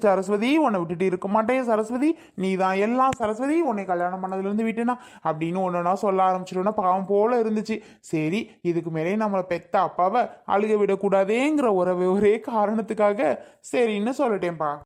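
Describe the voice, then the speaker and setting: A woman's voice: mid-range voice, brisk, a little mellow, lightly acted. Figure: teasing grown son voiced by a woman. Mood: explaining. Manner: easygoing, explaining.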